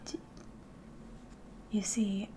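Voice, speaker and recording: Playing the curious, good-natured female keeper of a fantasy tavern, a woman performs an ASMR roleplay in a soft, breathy voice that frequently turns to whispers. She is gentle, courteous and hospitable, taking her time. The recording is low quality and carries a slight hiss or hum.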